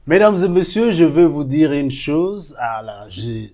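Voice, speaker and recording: A man's voice: a little high, sing-song, measured pace, mellow. A man hosting a casual interview, often backing up his guest with short affirmations and turning to address the audience. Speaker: talk show host.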